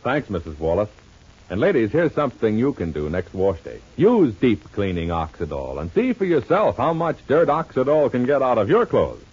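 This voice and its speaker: A man's voice: medium pitch, sing-song, moderate pace, a little mellow, breathy edge. A man announcing on an old radio show, selling a product and introducing the serial with eager, salesman-like delivery. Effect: old radio broadcast sound. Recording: muffled old radio transcription with music.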